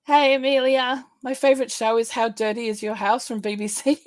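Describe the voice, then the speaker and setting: A woman's voice: fairly high pitch, steady tone, moderate pace. A woman hosting a casual live stream, chatting in a rambling way, laughing often and answering viewer comments.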